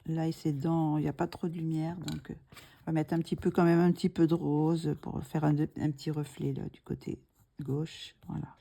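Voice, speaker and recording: Mellow-voiced woman walking through a coloring tutorial, slow and soft, half whispering to herself. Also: low-pitched, level tone, gravelly. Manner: slow, soft-spoken, thinking aloud, drops to whispers.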